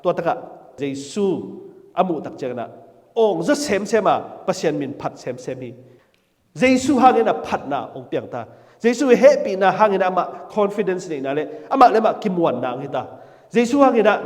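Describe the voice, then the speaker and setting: Animated preacher man with hall reverb. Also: high-pitched. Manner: animated, with frequent laughter and amens. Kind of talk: sermon.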